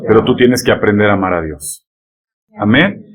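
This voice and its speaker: A male pastor with a lowish voice preaches a sermon at a moderate pace, speaking straight to the congregation. His emphatic delivery is full of rhetorical checks like "¿verdad?" and "¿amén?", and he tells listeners to turn to each other.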